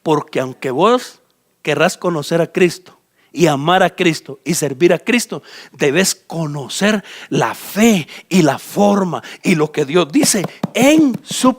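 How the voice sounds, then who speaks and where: A man from Guatemala, speaking with a Guatemalan Spanish accent, delivers a sermon as a pastor in a slow, somewhat high voice. He's animated, speaks directly to his listeners, and points at a map as he goes.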